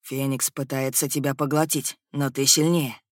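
A woman voicing a calm, reassuring young male prince in an audiobook, speaking in a soft, hoarse, insistent way. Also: very deep voice, normal speed, no room sound, clean studio sound, voice pushed down. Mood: soothing. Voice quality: hoarse, breathy. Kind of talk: audiobook character voice.

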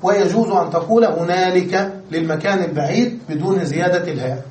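A man's voice: high voice, darkish tone, slight background noise. A man teaching Arabic grammar in a classroom lecture, explaining step by step and checking that students follow. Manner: explains step by step, checks understanding with quick questions. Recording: echoey room from a distance.

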